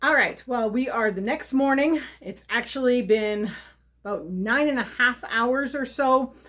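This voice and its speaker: In her home kitchen, this woman hosts a homesteading cooking video, chatty and cheerful and thinking out loud as she works. She speaks at a measured pace in a slightly high, fairly bright voice.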